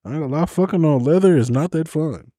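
A man's voice: fairly high pitch, quick pace, dark tone, husky, dry recording, studio quality. A man bantering casually, with blunt, slangy and profane remarks.

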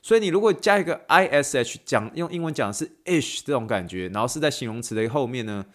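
A man's voice: medium pitch, expressive, fast talker, a bit bright. Tired man teaching playfully. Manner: playful, mixes in English phrases and spelled-out words. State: tired, late-night recording. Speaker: podcast host and athletic trainer. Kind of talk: casual podcast teaching.

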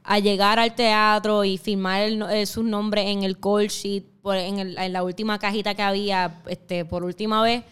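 Animated young woman. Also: medium pitch, moderate pace, hardly any pauses, smooth. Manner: animated, swearing, laughing often. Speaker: guest, musical theater actress. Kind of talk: casual interview chat.

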